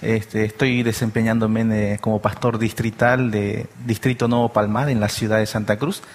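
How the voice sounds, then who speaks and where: Low-voiced male pastor sending greetings. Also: level tone, moderate pace, in a large hall. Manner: grateful, sends greetings. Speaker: district pastor, guest.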